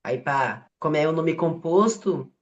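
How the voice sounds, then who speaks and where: Student asking quick questions, sounds muffled and lo-fi, from far off. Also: medium pitch, expressive. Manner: curious, asking short questions.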